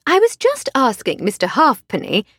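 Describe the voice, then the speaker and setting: A woman's voice: high voice, wildly swooping pitch, normal speed, fairly bright tone, dry recording, voice pushed up, exaggerated voice. A woman voicing an enthusiastic aristocratic lady who speaks in a gushing, upper-class manner, in a storybook reading. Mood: chatty.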